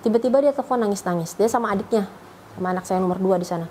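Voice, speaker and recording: A woman's voice: mid-range voice, racing, warm tone, slight background noise, low-quality recording. A middle-aged woman, telling her story as a mother in a personal testimony, emotional and acting out what others said. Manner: emotional, acts out quoted speech in a raised voice. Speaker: mother sharing a faith testimony.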